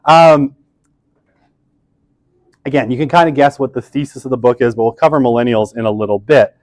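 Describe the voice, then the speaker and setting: In an old lecture room, a thirtyish man with a mid-range, slightly mellow voice talks fairly quickly, with no room sound. His casual university lecture is chatty and self-deprecating, with many fillers, and the podium microphone he uses barely picks him up.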